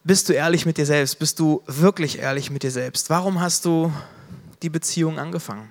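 A man's voice: a little high, brisk. A man preaching a sermon in a conversational way, retelling stories, correcting himself as he goes and asking rhetorical questions.

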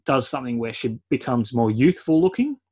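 A man's voice: mid-range voice, animated, brisk, crowd noise. A man co-hosting a casual film review chat, laughing often and swearing lightly. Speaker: podcast co-host.

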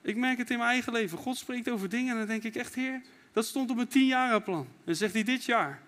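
Man, pastor, fervent sermon, high voice. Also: fast, a bit bright. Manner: fervent preaching, voices prayers and God's words.

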